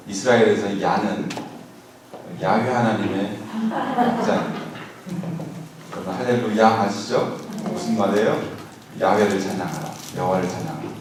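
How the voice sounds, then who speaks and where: A middle-aged man, a seminary professor, giving a conversational church lecture on scripture with many fillers and asking the audience to repeat words after him. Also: low-pitched. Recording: echoey hall, voice from far off, clear room noise.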